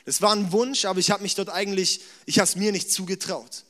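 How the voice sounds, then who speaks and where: Young man, high voice, casual preacher who addresses the congregation directly. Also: brisk. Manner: informal, talks straight to the congregation; grows more animated in exhortation. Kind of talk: sermon.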